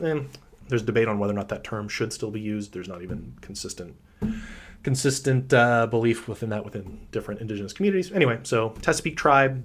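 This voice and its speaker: A man who designs tabletop games, chatting casually through a livestream Q&A with frequent ums and a relaxed, rambling manner. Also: medium pitch. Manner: enthusiastic about his characters.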